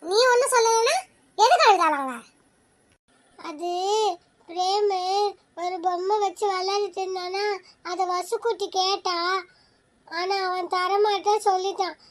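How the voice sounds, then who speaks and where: Cartoon big sister, high squeaky and argumentative. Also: female voice. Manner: chirpy, indignant, quick to argue. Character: bossy older girl, protective big sister. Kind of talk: cartoon voice acting.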